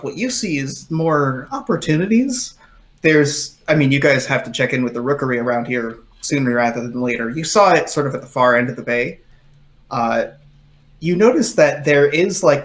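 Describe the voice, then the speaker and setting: A man's voice: mid-range voice, echoey room. Male game master, rambling narration. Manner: descriptive, filler-heavy narration.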